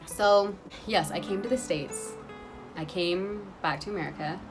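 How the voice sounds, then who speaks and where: A woman's voice: mid-range voice, a little slow, music in the background. A young woman telling a personal story on her vlog, earnest and rambling, often restarting her sentences. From Guatemala, raised in Utah. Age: young adult. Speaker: vlogger.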